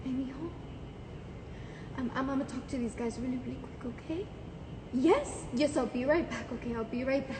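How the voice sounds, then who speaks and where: A terrified young mother stammers and pleads, her voice very high , as a young woman acts her out on stage. She breaks into sobs as she begs. The sound comes from far off in an echoing school hall. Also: fairly quick, long pauses, background noise, close to an everyday voice. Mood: soothing. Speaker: student performer. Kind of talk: dramatic interpretation monologue.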